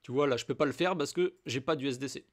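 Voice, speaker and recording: A man from France walks viewers through a crypto tutorial in a casual, screen-recorded format, addressing them informally and chatting with many fillers. His voice is medium-pitched and his pace is quick.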